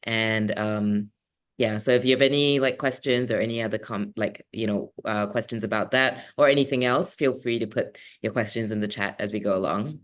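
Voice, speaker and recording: Smooth-voiced young man, relaxed. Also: lowish voice, normal speed. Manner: relaxed, hesitant with fillers. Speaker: graduate peer mentor. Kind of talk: casual presentation.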